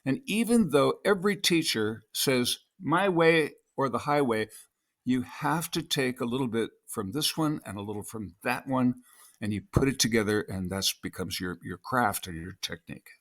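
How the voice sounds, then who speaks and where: A man's voice: mid-range voice, animated, normal speed, fairly bright tone. An older man, an actor and podcast guest, telling long anecdotes in a casual interview with many restarts.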